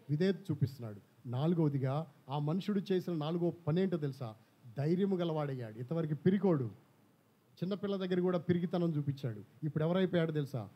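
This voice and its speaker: A man preaching a sermon, animated, throwing questions at the congregation. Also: on the high side. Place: church hall. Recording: slightly dull church recording.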